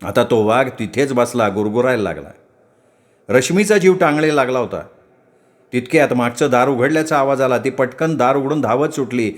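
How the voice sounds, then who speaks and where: A man's voice: medium pitch, moderate pace. A man narrating a story with dramatic, vivid delivery.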